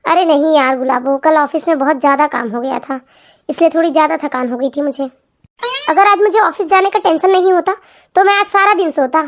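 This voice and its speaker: A woman's voice: high voice, brisk, voice pushed down. A woman voicing a tired, lazy young husband in a comedy cartoon, grumbling and dodging. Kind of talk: cartoon family comedy voice acting.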